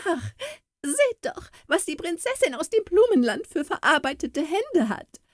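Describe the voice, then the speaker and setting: A woman voicing a shrill, mocking court lady in a fairy tale reading. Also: very animated, measured pace, no echo, clean studio sound, exaggerated voice. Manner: shrill, jeering.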